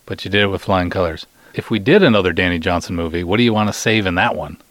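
A middle-aged man hosts a podcast, his low voice moving fast with a slightly bright edge and no echo. He keeps things casual, playful, and teasing while running a light interview.

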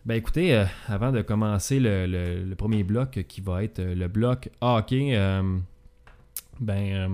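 A podcast host with a Québécois accent leads a casual talk show, speaking hesitantly and filling gaps with filler sounds. His voice is fairly low and dark in tone.

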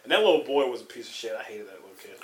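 Fast-talking ranting man, echoey room. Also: mid-range voice, very animated. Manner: ranting, profane, exasperated retelling. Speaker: friend in group chat. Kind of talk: casual chat. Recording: echoey room, faint background noise.

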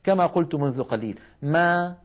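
In a studio-based TV recitation class, a Quran teacher with a fairly high and slightly mellow voice demonstrates letter syllables one at a time, slowly and with care. After explaining how each sound is made, he keeps encouraging people watching at home to try it themselves.

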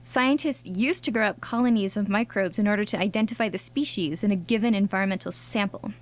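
A woman co-hosting a science radio show in a studio, explaining things conversationally in a bright, curious manner. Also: mid-range voice, a little fast. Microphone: studio microphone.

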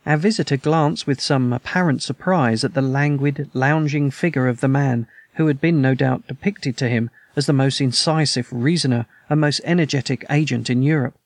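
A man narrating a classic detective story in a measured, even storytelling manner. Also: medium pitch, dry recording. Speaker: audiobook narrator. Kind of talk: scripted narration.

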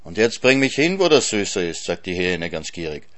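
A man's voice: on the low side, animated, normal speed, lightly acted. Man putting on a greedy whining hyena. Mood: wheedling.

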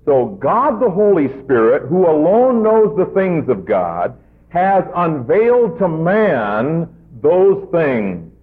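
A man preaching a sermon, teaching slowly and emphatically and drawing out his stressed words. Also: fairly high pitch, big pitch swings. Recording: tinny phone-like old recording.

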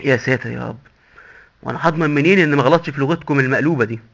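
A man's voice: medium pitch, very fast, vocal fry, fairly bright tone. A man with an Egyptian accent voicing a disgusted, frightened former king lost in hell, pleading and squeamish. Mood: fearful disgusted. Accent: Egyptian Arabic. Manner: squeamish, pleading, fearful exclamations. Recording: dull lo-fi recording.

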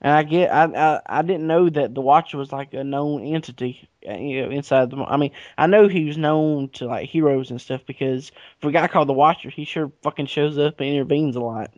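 A man's voice: a little high, a little fast, few pauses, darkish tone, no room sound, muffled recording. A man casually chatting about comics with a friend, rambling and joking with lots of fillers. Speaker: comic book podcast co-host. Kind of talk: casual chat.

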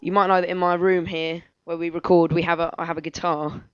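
A man's voice: a little high, little pitch movement, fast, smooth, highs cut off. A man co-hosting a podcast from his own room, chatting casually. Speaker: podcast host. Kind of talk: casual chat. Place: small room at home, close dry sound.

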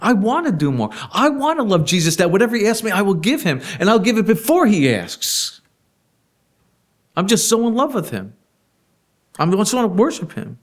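Give me a man preaching, animated pitch, casual and talky with rhetorical questions. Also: moderate pace. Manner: conversational preaching with rhetorical questions and soft laughs. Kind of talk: sermon.

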